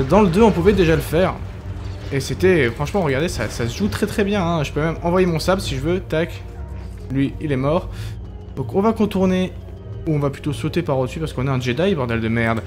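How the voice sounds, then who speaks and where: Excitable young man doing gameplay commentary. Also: on the high side. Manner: chatty, excitable, swears casually. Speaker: gaming youtuber. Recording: voice over game music.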